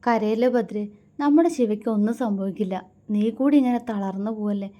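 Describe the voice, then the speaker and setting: A woman voicing a gentle young man in a storybook who comforts others with a voice that keeps breaking. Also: mid-range voice, a little fast, highs cut off, lightly acted. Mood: grieving, comforting. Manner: soft, voice breaking.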